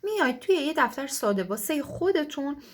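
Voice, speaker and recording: A woman's voice: high-pitched, very animated. Encouraging woman teaching a video lesson. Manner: encouraging, addresses viewers as kids and dear ones. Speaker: English teacher.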